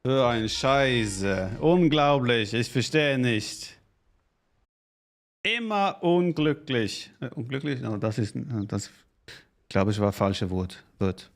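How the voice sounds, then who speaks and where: A man chatting on a live gaming stream, speaking slowly and deliberately at a middling pitch. His speech is halting and he often corrects himself mid-sentence. He jokes with viewers and thanks subscribers. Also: expressive. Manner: halting learner's German with self-corrections. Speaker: streamer and pro strategy game player.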